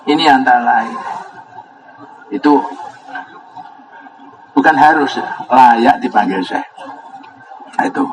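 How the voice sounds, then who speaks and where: A man's voice: medium pitch, takes it slowly, pauses often, a little hiss or hum, rough recording. A man with a Javanese accent giving a pesantren sermon as a kyai, rambling and chuckling, breaking into Arabic recitation. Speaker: kyai giving a religious lesson. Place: gathering at an Islamic boarding school.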